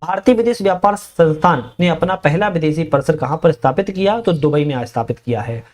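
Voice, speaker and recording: A man gives a current-affairs quiz lesson for exam students. He reads out each question, then answers it at a steady, unhurried pace. He corrects his own slips as he goes. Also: a little high. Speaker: exam-prep teacher.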